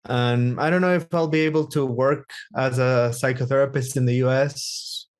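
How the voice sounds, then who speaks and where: A man's voice: mid-range voice, fairly even intonation, normal speed. A young man from Guatemala, a psychotherapist speaking as a podcast guest, talking casually and searching for words with frequent restarts.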